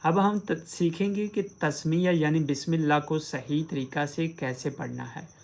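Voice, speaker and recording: A man's voice: on the high side, steady tone, creaky. A man teaching Quran pronunciation, explaining patiently and drawing out recited words syllable by syllable. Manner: drawn-out, syllable-by-syllable recitation of examples. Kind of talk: tajweed pronunciation lesson.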